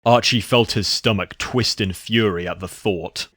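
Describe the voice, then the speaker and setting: A man reads out a dark horror tale from a script, his voice fairly low and his pace a little slow. The sound is dry and roomless, without any echo.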